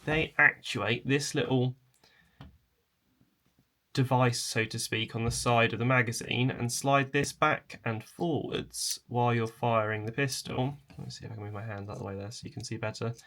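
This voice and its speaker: Man giving a casual tutorial, chair creaking. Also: medium pitch, fairly even intonation, normal speed, fairly bright tone. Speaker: video presenter.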